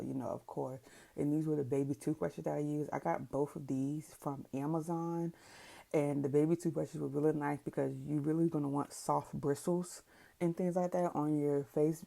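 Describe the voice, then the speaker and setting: Female vlogger, very low pitch, heavy vocal fry, casual explanatory delivery. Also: dark tone. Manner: conversational, explanatory. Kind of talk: casual product recommendation vlog.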